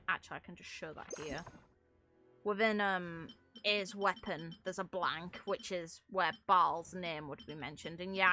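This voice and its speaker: Bright and forceful, this woman's lowish voice carries a rambling, wry, mildly sweary chat as she plays a video game on stream. Game music sounds behind her.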